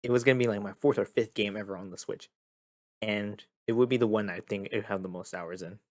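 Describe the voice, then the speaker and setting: A young man hosting a casual gaming vlog, tired and a bit monotone, rambling and repeating himself as he talks. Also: lowish voice, fairly quick, no echo, clean studio sound. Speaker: gaming video host. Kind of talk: casual talk to camera.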